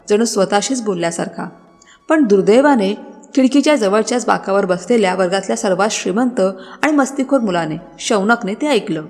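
A woman narrating a scripted story in a dramatic, expressive way. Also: medium pitch. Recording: long reverb with background music.

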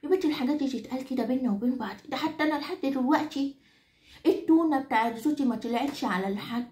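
A warm-toned, high-sitting woman's voice comes rapid-fire and lightly acted, with reverb around it. She portrays a nagging Egyptian grandmother close to ninety, henpecked by her husband, in a scolding comic rant to the audience. Her monologue features an Egyptian Arabic accent, repeated scolding lines, and exaggerated oaths.

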